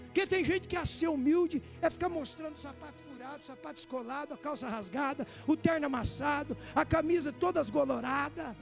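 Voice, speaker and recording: A man, preaching a sermon as pastor, with fervent delivery that climbs to shouting. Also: very high-pitched, brisk, vocal fry, soft background music.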